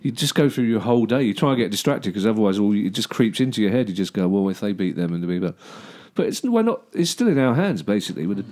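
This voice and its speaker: A man's voice: lowish voice, expressive, quick pace, hardly any pauses, a little mellow. A middle-aged man chatting casually about football as a podcast panellist.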